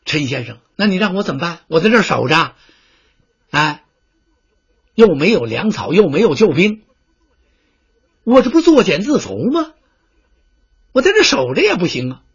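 A male storyteller doing a hot-tempered old marshal who booms out his words in a raised, husky voice. His pitch swings widely, and the recording sounds dull and lo-fi. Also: very animated, normal speed, pauses often, full character voice. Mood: indignant. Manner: booming and indignant.

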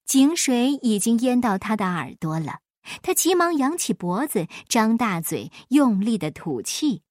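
A woman storyteller reading a folk tale aloud in an expressive storybook style. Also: a little high, unhurried, no room sound, clean studio sound.

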